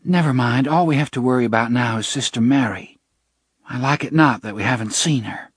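A man's voice: medium pitch, fairly quick, husky, dry recording, studio quality, natural voice. A man voicing a tearful yet defiant young woman who speaks in old-fashioned phrasing. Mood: pleading.

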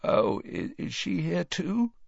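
A man voicing an awkward teenage boy who talks in a hesitant, croaky way. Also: high voice, big pitch swings, drawn-out words, fairly bright tone, dry recording, dull audio, pitched above the performer's own voice, exaggerated voice.

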